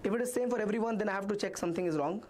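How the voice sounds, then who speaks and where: A man with an Indian accent teaches a live online maths revision class, reassuring his students and reading their comments aloud. His voice is high and darkish in tone, and he talks at a racing pace.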